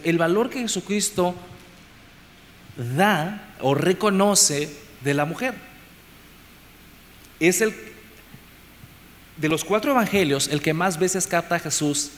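A man delivers an expository sermon, driving his points home by repeating phrases and moving between loud stresses and quiet lines. His voice sits fairly high for a man. It rings with long reverb over faint background noise, as in a church hall. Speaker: preacher.

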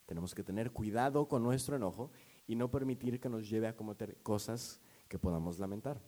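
A man's voice: fairly low pitch, fairly quick, warm tone. A man preaching a sermon as a pastor, talking to the congregation in a conversational, storytelling way.

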